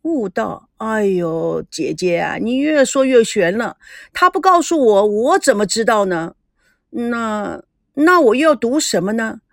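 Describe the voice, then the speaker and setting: A woman's voice: a little high, sing-song, measured pace, vocal fry, no echo, studio quality, full character voice. A woman voicing a naive, chatty young woman who stammers out puzzled questions. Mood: bubbly puzzled.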